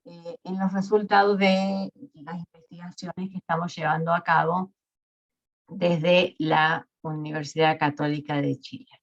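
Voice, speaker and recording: Slow-spoken woman lecturing. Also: medium pitch, muffled recording. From Argentina. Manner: measured, with fillers and self-corrections. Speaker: guest lecturer. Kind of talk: academic lecture.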